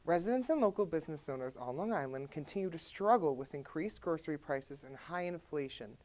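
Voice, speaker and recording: A man's voice: on the high side, lively intonation, brisk, a little mellow. A male news reporter reading a scripted report narration.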